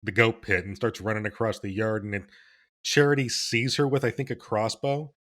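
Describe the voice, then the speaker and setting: A man guesting on a movie podcast, recounting scenes in a hesitant, dry, deadpan way. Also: on the low side, normal speed. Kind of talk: casual movie chat.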